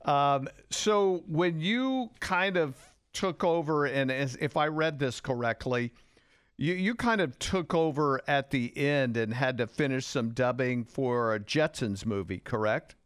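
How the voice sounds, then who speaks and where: Clear-voiced male interviewer, dry sound. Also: mid-range voice, measured pace, a bit bright, dry recording. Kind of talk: casual interview questions.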